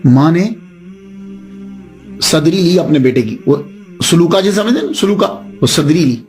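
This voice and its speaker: A man's voice: a little high, animated, darkish tone, faint music behind. A man preaching a sermon, telling a story with dramatic delivery and voicing the characters in turn.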